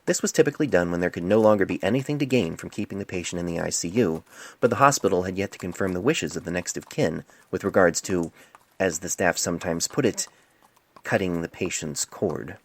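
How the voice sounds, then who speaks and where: A man reads a scripted story as an amateur narrator, in a measured, literary style. His voice sits low, and it's captured on a cell phone microphone.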